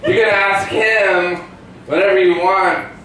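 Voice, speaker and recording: A man hosts a cafe open mic night and introduces each comedian with a teasing joke. His voice sits high. It is heard from far off in a very echoey room. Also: fairly even intonation, slow pace, bright, forceful tone, a little hiss or hum. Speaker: guest host.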